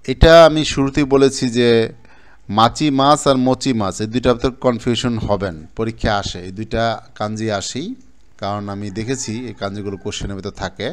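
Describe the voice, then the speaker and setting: A man's voice: lowish voice, fairly even intonation, a little fast. A male language teacher from Bangladesh explaining kanji in a casual classroom style, repeating terms and pointing things out as he goes. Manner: repetitive explaining, points at the board, mixes in English terms. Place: training center classroom.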